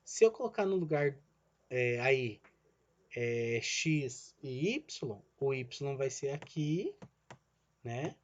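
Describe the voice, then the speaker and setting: A man's voice: mid-range voice, big pitch swings, slow pace, lo-fi sound. A male physics teacher gives a recorded online lesson. He explains each step and checks in with "né?" and "certo?", and he calls himself the teacher in the third person.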